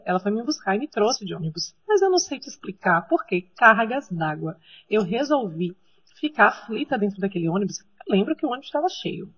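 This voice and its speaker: A woman's voice: a little high, husky. A woman, telling a personal story in a devotional talk. She talks in a conversational way with frequent tag questions. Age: 30s. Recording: slightly muffled recording.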